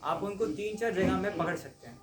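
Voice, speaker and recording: A man's voice: high-pitched, brisk, slight background noise. A man teaching a devotional class in a conversational way, often checking in with his listeners in front of a live audience. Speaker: spiritual teacher. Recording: roomy hall with faint ambience.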